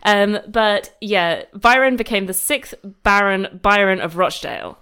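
A woman's voice: medium pitch, a little slow, sharp tone, clear, resonant tone. Chatty woman telling history. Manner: chatty, laughs easily. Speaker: podcast co-host. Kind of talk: casual history storytelling.

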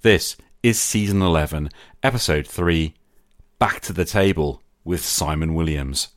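In a clean studio with no echo, a deep-voiced man at a measured pace hosts a podcast. He delivers scripted introductions and puts questions to his guest.

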